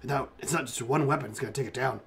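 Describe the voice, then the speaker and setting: A man's voice: medium pitch, quick pace, creaky, a little hiss or hum. A man playing a tabletop game, casually asking about rules and explaining his character's tactics.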